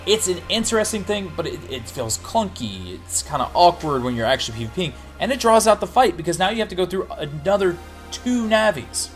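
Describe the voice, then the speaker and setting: A man co-hosting a casual gaming podcast, talking in an animated way and jumping into quick quotes. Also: sits high, soft background music. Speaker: podcast co-host.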